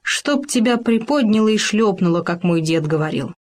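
A woman's voice: medium pitch, animated, normal speed, darkish tone, natural voice. A woman voicing a grumpy old male hedgehog in a storybook, speaking gloomily. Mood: indignant. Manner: gloomy, grumbling.

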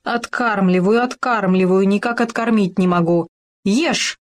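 A woman's voice: mid-range voice, expressive, a little slow, a little mellow. Woman putting on a sly wheedling fox. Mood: fretful. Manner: sugary, wheedling, then fretful. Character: sly scheming female fox, fussy and wheedling.

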